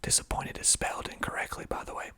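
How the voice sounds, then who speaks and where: Here a man, an actor and filmmaker fronting an ASMR video, reads in a mostly unvoiced, breathy whisper. He takes his time and slips in deadpan, wry comments.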